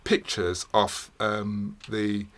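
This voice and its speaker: A middle-aged man, a podcast guest telling his story in a studio with many pauses, fillers and repeated words. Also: fairly low pitch, level tone, fairly bright tone. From England. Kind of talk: casual interview storytelling.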